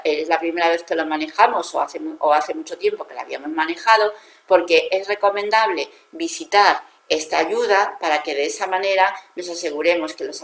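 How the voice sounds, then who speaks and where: A woman's voice: lowish voice, reverberant. A woman with a Spanish accent from Spain, patiently explaining a spreadsheet tutorial step by step and correcting herself as she goes. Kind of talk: screen-recorded software tutorial.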